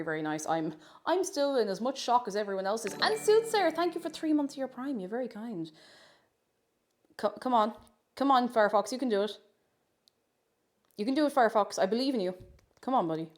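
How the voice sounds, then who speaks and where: A woman's voice: fairly high pitch, big pitch swings, fairly quick. A woman hosting a casual livestream, chatting playfully with viewers, repeating phrases and slipping into sing-song nonsense syllables. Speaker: live streamer host. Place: kitchen at home.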